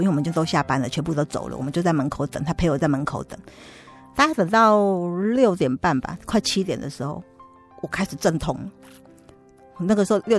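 Fast-talking Taiwanese woman telling a story. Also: fairly low pitch. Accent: Taiwanese Mandarin. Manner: lively storytelling, acts out quoted voices. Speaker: interview guest. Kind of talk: casual testimony storytelling.

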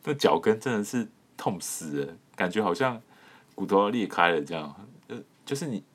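A man with a very low voice tells a comic story from his own life, his pitch swinging widely as he goes. He hosts a podcast and laughs often between lines. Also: normal speed. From Taiwan. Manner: animated, laughs often while telling. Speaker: podcast host.

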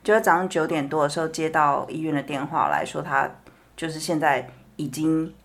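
A woman with a Taiwanese Mandarin accent, co-hosting a casual chat and recounting events calmly. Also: low-pitched, a little fast. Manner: calm, matter-of-fact recounting. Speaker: podcast co-host.

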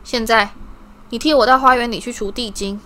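Storybook part: a firm, scolding mother witch, voiced by a woman reader, pitched a bit high, soft on her guest. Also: animated, fairly quick. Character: stern but caring mother witch.

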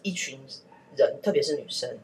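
A woman hosting a podcast, speaking in casual chat and pausing with thoughtful fillers. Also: a bass voice, animated, darkish tone, slight background noise. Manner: thoughtful, hesitant, with many fillers. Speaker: podcast host.

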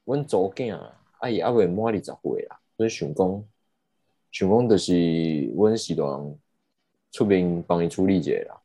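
A man's voice: low-pitched, normal speed, mellow. A man putting on the voice of a middle-aged father on the phone, pleading and informal. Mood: placating.

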